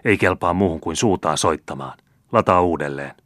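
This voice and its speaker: A man voicing a gruff, harsh middle-aged bailiff who barks orders in a storybook reading. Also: sits low, a bit bright, no echo, clean studio sound. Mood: scornful. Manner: barking orders, scornful.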